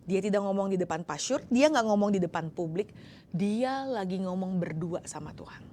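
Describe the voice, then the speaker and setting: A woman pastor preaching a sermon in an expressive style, acting out the voices in the story and slipping English words into her speech. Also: medium pitch, moderate pace, slight background noise. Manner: acts out voices of the prophet and others. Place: church.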